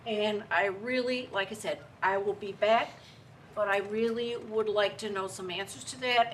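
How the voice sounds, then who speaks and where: Woman, earnest public speaker, insistent, medium pitch, slightly distant mic in a meeting room. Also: a bit bright, slight background noise. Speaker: member of the public addressing a school board. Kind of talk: public comment speech. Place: indoor board meeting room.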